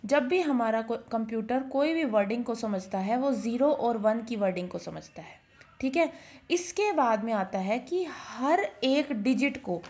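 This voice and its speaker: A woman's voice: fairly high pitch, lively intonation, a little mellow. Hindi-speaking woman teaching a class. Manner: explains in Hindi, reads English lines slowly, asks and answers her own questions. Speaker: school teacher. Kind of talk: classroom lesson. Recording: dull lo-fi recording.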